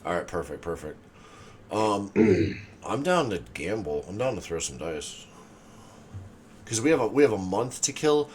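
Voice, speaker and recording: A man's voice: low-pitched, big pitch swings, a little slow, pauses often, a little mellow, slight background noise. A man playing in a tabletop game, chatting casually, laid-back, joking and swearing. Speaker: player.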